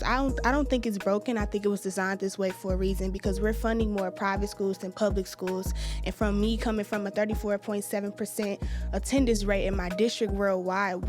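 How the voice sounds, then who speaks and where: A young woman speaks as a student activist guest, earnest and fluent. Her pitch stays flat and even. Music plays clearly behind her. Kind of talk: interview conversation.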